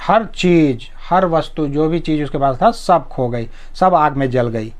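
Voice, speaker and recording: A man teaching English reading in Hindi, reading each sentence slowly word by word and patiently explaining every word's meaning. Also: fairly high pitch, a little mellow. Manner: patient, repeats meanings and asks "na?" to check understanding.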